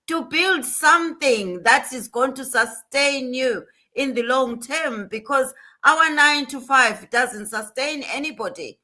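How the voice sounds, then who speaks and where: Slow, bright-voiced woman host. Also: sits high. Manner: earnest, repetitive, emphatic. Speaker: livestream host. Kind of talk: motivational livestream talk.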